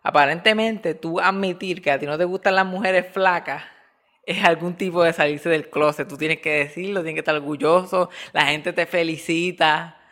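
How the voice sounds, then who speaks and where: Young man, comedian podcast host, lively storytelling, somewhat high voice. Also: moderate pace. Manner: lively storyteller, mixes English words into his Spanish. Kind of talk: casual comedic podcast chat. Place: his apartment.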